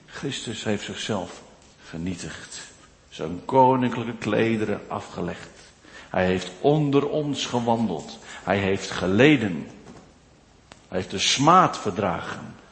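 A male preacher delivers a sermon at a very slow, weighty pace, his voice swelling from hushed low phrases to loud declaiming. His words ring out in a church with a long, trailing reverb. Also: expressive.

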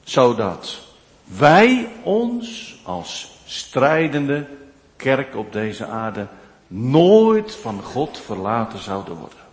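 Man, preacher, sermon, very slow and deliberate, long church reverb. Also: mid-range voice, wildly swooping pitch. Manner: slow, swelling from hushed to loud declaiming.

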